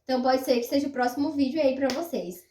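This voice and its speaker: High-voiced young woman telling a story in a roomy echo. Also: fast talker, slight background noise. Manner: animated, repeats words for emphasis, addresses viewers as "gente". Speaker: vlogger. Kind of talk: casual storytelling to camera. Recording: roomy echo, mic at a distance.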